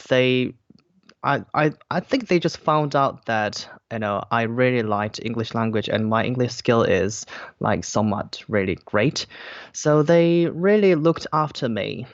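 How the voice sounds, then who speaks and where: A man's voice: fairly low pitch, no room sound. A young man from South Korea with a Korean accent, a native Korean speaker giving casual, hesitant interview answers full of repeated phrases and filler words. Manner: hesitant, repeats phrases, frequent "like" and "you know". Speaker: interview guest, YouTuber. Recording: slightly dull, lo-fi audio.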